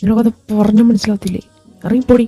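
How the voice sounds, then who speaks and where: A woman's voice: medium pitch, fairly even intonation, unhurried, warm tone, husky, soft background music. A woman voicing a cold, possessive young male mafia boss in an amateur audio drama, curt and commanding. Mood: irritated. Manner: curt, commanding, switches into English.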